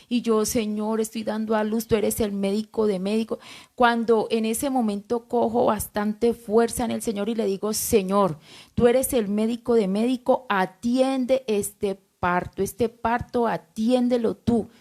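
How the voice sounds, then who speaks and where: Pastora que cuenta con viveza. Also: female voice, on the high side. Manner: lively storytelling, acts out dialogue. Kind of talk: testimony in a church talk.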